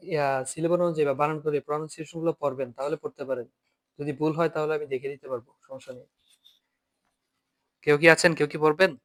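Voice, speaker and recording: A man teaching an online German class by video call, patiently repeating each point and asking students to read aloud. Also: fairly high pitch.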